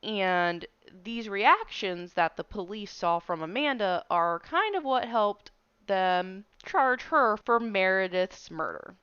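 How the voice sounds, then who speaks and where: A woman's voice: mid-range voice, animated, slow pace, a bit bright, clean tone, no room sound, lo-fi sound. A woman hosting a true crime podcast, telling the case in a casual storytelling way. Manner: casual storytelling, reads case details evenly. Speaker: podcast host.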